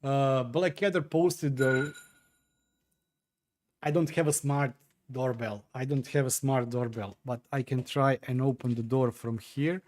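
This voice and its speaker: This man's mid-range voice is darkish, with fairly even intonation and an unhurried pace. Hosting a relaxed livestream from home, he responds to viewers' comments; Croatian is his first language, and he hesitates, chats, and restarts often, using lots of fillers as he tinkers.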